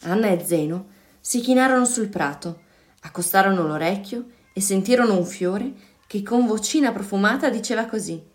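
A woman reading a children's story aloud in an expressive, playful way. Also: medium pitch, normal speed.

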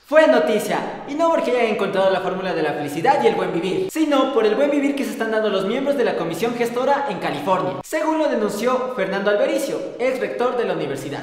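A host with an Ecuadorian accent delivering scripted satirical news commentary in a sarcastic, mock-naive way. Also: medium pitch. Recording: very echoey, reverberant room.

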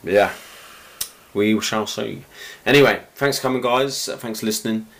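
Tired male podcast host, croaky and very low, rambling casual football talk. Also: a bit bright. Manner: rambling, halting, lots of fillers.

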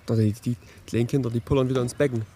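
A man's voice: mid-range voice, fairly even intonation, rapid-fire, warm tone, lightly acted. A man playing a stern, fussy pool attendant who scolds and stammers in a comedy sketch. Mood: scolding. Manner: scolding, stammers and repeats himself. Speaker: podcast host.

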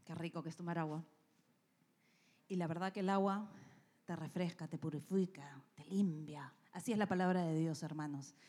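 A woman's voice: low-pitched, steady tone, moderate pace, mellow, husky. A woman preaching a sermon to a congregation. She speaks with emphatic stresses, drops to near-whispers, and asks her listeners direct questions.

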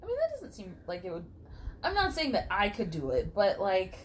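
A woman's voice: mid-range voice, huge pitch swings, normal speed. A woman co-hosting a casual podcast, reacting with wry jokes. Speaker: podcast co-host. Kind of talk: casual chat.

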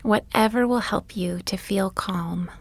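A woman guiding a bedtime body-scan meditation, speaking softly and gently, often in a whisper. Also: mid-range voice, slightly rough, no room sound. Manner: soft, often whispered delivery; gentle, soothing and unhurried. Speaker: meditation guide.

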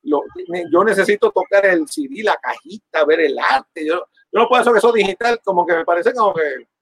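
A chatty male interviewer with a Puerto Rican accent asks questions and readily agrees with his guest. His voice sits a little high and is recorded close and dry. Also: a little fast, a bit bright, dry recording, low-quality recording. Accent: Puerto Rican Spanish. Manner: friendly, chatty, agreeing often. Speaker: interviewer host. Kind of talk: casual interview chat.

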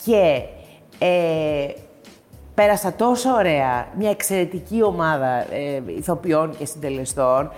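Woman, actress guest, animated storyteller, hesitant fillers, long hall reverb, soft music underneath. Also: sits low. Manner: animated anecdotes with many hesitations. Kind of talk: casual interview storytelling.

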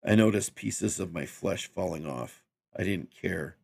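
Male horror narrator, very deep voice, gravelly, grim measured reading. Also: darkish tone. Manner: measured, grim dramatic delivery.

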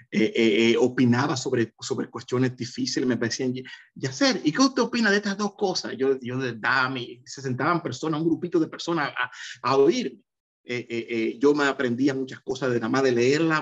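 A middle-aged Dominican man telling his life story in an interview, hesitating often with repeated fillers and restarts. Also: medium pitch. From Dominican Republic. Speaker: interview guest, economist. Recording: dull, slightly lo-fi sound.

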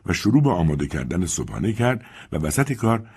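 Husky, low-voiced male narrator. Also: very animated, a little mellow. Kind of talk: literary audiobook narration.

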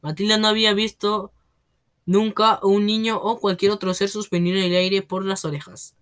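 A narrator reads a children's novel aloud in a steady storytelling manner, the voice sitting at a plain middle pitch. It drops lower on each speech tag.

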